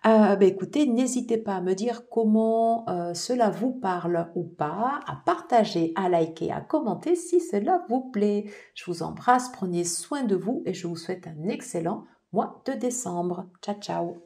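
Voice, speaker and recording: A woman giving a casual tarot reading to her viewers, soft-spoken and peppered with fillers like "voilà" and "alors". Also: mid-range voice, expressive, unhurried, hardly any pauses. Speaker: tarot reader.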